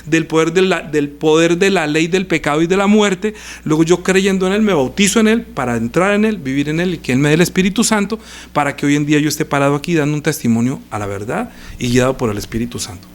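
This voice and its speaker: A man preaching a live-streamed sermon, reading scripture aloud and repeating phrases. He swings from loud emphasis to hushed lines. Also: fairly high pitch, fast.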